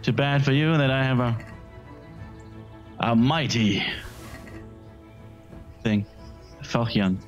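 A man's voice: medium pitch, takes it slowly, pauses often, highs cut off, soft background music. A man hosting a let's-play, giving casual, crude running commentary full of swearing and jokes. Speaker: gaming channel host.

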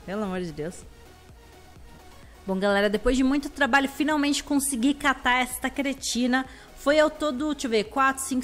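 A young Brazilian woman talks through her gameplay in a casual, chatty flow. Her voice sits a little high and a little hoarse, and she breaks into sudden shrieks when the action spikes. Soft game music plays faintly behind her. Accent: Brazilian Portuguese. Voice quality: slightly hoarse. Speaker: gameplay video host. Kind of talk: casual let's-play commentary.

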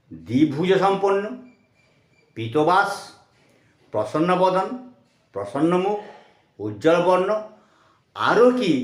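A man teaching mantras, chanting them slowly and then explaining their meaning word by word. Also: on the high side, reverberant. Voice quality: slow drawn-out chanting alternating with quick explanation.

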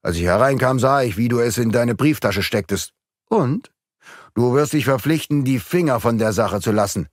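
A man's voice: medium pitch, sing-song, normal speed, darkish tone, no echo, studio quality, pitched above the performer's own voice. A man voicing a mocking, menacing male court clerk with a revolver, who talks in clipped, pressing bursts, for an audiobook.

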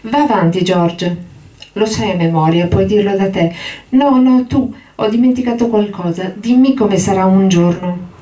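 A woman's voice: mid-range voice, a little slow, dark tone, recorded from a distance, voice pushed up, close to an everyday voice. A woman voicing a big, simple-minded grown man with a childlike, eager, pleading way of talking, in a dramatic reading of a novel. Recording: roomy hall, voice from afar.

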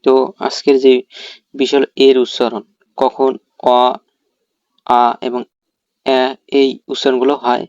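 In a muffled recording without echo, a man teaches English pronunciation, going through the rules step by step and answering his own questions. His voice is medium-pitched with a darkish tone.

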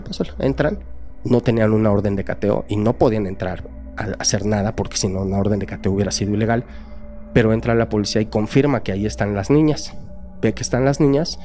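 Brief: male podcast guest, Mexican accent, lower pitch, earnest storyteller who voices the people in his tale. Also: darkish tone. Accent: Mexican Spanish. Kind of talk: telling a true crime case in casual talk.

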